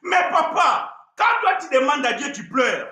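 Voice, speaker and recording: Animated male preacher with a very lively pitch, preaching in an echoey room. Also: a little slow. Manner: animated, mimicking worshippers with shouts and laughter. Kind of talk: sermon.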